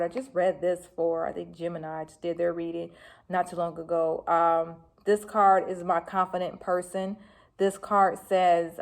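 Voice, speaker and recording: Fast-talking woman reading tarot. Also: lowish voice, darkish tone. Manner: fast, chatty, blunt and slangy. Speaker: tarot reader.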